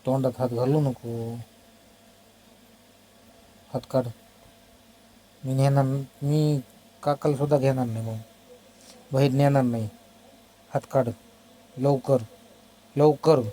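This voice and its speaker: A man's voice: medium pitch, fairly even intonation, takes it slowly, pauses often, mellow, poor audio. A man minding a baby as its uncle, talking to it in casual baby talk, coaxing and mock-scolding with lots of repetition.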